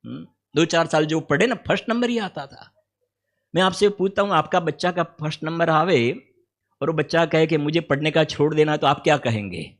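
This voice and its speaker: A Jain preacher with a Gujarati accent gives a spiritual discourse in a teaching camp hall, speaking conversationally and frequently posing questions to his listeners. His voice is slightly high and animated, and he moves at a moderate pace.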